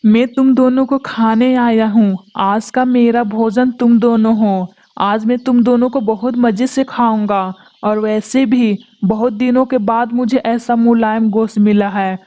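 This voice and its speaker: A woman's voice: a little high, fairly even intonation, measured pace, hardly any pauses, warm tone, voice pushed down, natural voice. A woman voicing a greedy, menacing male eagle in a cartoon, taunting and boastful. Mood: gloating menace. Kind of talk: Hindi cartoon voice acting.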